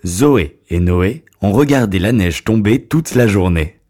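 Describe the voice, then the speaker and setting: Male storyteller, calm children's story, lowish voice, audible background noise. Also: a little slow. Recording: noisy recording.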